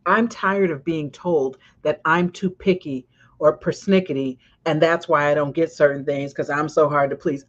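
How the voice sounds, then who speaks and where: A woman hosting a casual talk show as a coach, telling stories with lively swings when she quotes people. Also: deep voice. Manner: animated storyteller, swings loud when quoting. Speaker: podcast host and coach. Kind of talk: casual chat. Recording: slightly dull lo-fi sound.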